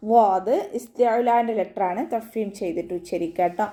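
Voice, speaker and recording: In an online Quran recitation lesson, a woman with a mid-range, dark voice explains pronunciation patiently, step by step, at a moderate pace. She uses frequent tag questions.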